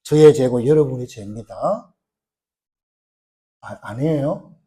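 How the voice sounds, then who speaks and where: A man's voice: mid-range voice, takes it slowly, mellow. A middle-aged man preaching a sermon as pastor, emphatic, often putting rhetorical questions to the congregation.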